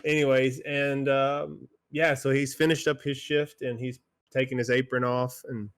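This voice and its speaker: A man's voice: medium pitch, level tone, normal speed, smooth. A man narrating as game master in a tabletop game, casual and rambling, full of fillers.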